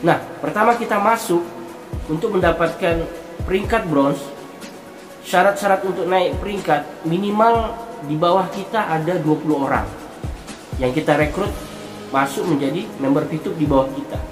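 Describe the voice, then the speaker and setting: A man explaining something to viewers in a monologue, speaking deliberately in halting phrases and repeating words for emphasis. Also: fairly high pitch. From Indonesia. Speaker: online content creator. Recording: roomy echo with music behind. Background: music.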